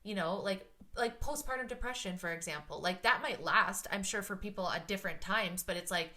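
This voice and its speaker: A woman in her late thirties hosting a podcast, chatting frankly, swearing freely and thinking out loud with lots of likes. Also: medium pitch, a little fast. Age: 30s. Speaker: podcast host. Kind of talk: casual chat.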